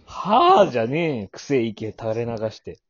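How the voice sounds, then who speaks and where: A man co-hosting a casual podcast chat, scolding his partner in mock anger with sudden shouted jabs. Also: mid-range voice, wildly swooping pitch, a little slow, muffled recording. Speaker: podcast co-host.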